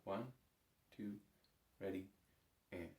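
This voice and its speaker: Speaking in a low, somewhat dark voice, a male bagpipe teacher walks through a relaxed music lesson at a slow, steady pace. His manner is easygoing and reassuring, and the room echoes around him.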